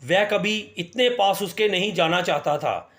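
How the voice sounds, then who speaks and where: High-voiced man telling a story. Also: unhurried, a bit bright, echoey room. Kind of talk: first-person story narration.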